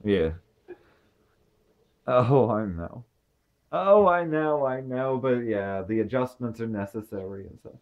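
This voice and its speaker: A man in casual chat who agrees warmly and gushes with reassurance. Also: mid-range voice, animated. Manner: agreeable, gushing, quick to reassure. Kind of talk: casual one-sided chat. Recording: dull lo-fi sound.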